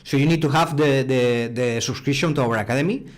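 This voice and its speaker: A Spanish man with a Spanish accent runs a live-streamed coding class as an online robotics instructor, speaking fairly quickly in a mid-range voice. His teaching style is chatty; he often repeats words and responds to viewers' chat messages.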